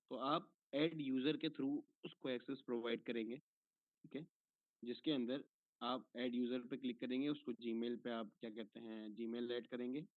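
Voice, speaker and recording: A man's voice: mid-range voice, dry recording. A man teaching an online course over a call, patiently answering a student's questions step by step and checking in after each point, heard through a tinny phone-like line.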